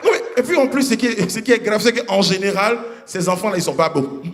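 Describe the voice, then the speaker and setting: A man performing a stand-up comedy set on stage, animated and acting out characters with sudden high voices. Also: a little fast, background noise. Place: comedy stage before a live audience. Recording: roomy live stage sound with audience.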